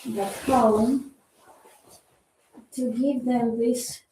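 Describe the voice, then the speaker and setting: A woman from the audience asking a question haltingly, searching for words, heard far off in a hall. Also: fairly high pitch, fairly even intonation, mellow. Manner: halting, searching for words, non-native phrasing. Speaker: seminar participant asking a question. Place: seminar hall. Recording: distant, very echoey hall with faint noise.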